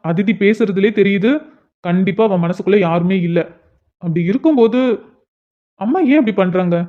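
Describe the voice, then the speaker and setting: Guy doing a high-voiced young cartoon dude, earnest and worried, dull lo-fi sound. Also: natural voice. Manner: earnest, pleading, calls his friend "machan". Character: young man worried about his little sister. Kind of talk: cartoon voice acting.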